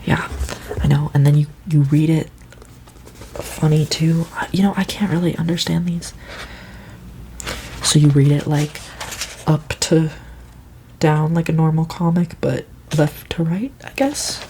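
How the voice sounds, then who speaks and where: A helpful female librarian, played by a woman in an ASMR role-play. Her hushed library voice is dark and soft, often dropping in a soft voice, with halting, casual phrasing. Faint noise and keyboard typing sit behind her. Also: sits low. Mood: casual, explaining. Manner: hushed library voice, soft-spoken, slipping into speaks softly; hesitant, unhurried, halting delivery.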